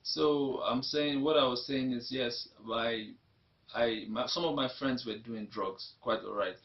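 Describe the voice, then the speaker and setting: At a measured pace and medium pitch, a young Nigerian man with a Nigerian accent tells his life story in an interview. His reflective personal testimony often repeats itself, captured on a dull lo-fi recording.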